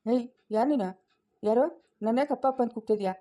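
A woman's voice: on the high side, fast, mellow, close to an everyday voice. A woman playing a restless, dazed village father. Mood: agitated. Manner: insistent, repeats himself. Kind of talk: family village drama.

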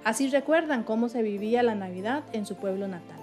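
A woman reporter reads a scripted news voice-over at a mid pitch, measured and clear. Music runs steadily under her voice. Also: lively intonation, darkish tone.

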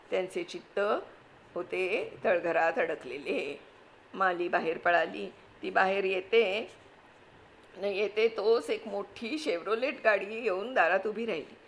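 A woman reads a story aloud with steady, expressive pacing. Her voice has a gravelly, creaky texture at a middle pitch, over a faint background hiss. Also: a little slow. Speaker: narrator. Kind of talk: storybook reading.

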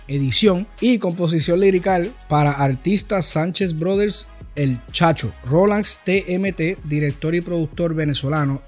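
A man in his thirties hosting a film academy's weekly update, briskly running through names and credits from a home video studio. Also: on the high side, breathy edge. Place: home video studio with monitors and purple lights. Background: faint background music.

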